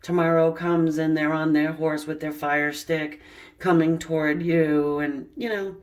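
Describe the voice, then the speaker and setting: A woman's voice: low-pitched, little pitch movement, a little slow, darkish tone. A woman giving a pick-a-card tarot reading in a chatty way, with many fillers and laughing at the cards. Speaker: tarot reader.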